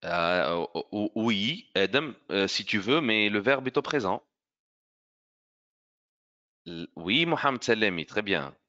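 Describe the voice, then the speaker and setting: A man teaching an online French grammar lesson to children, slow and careful in his explanations and encouraging as he praises pupils by name. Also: fairly low pitch, animated, bright, forceful tone, lo-fi sound.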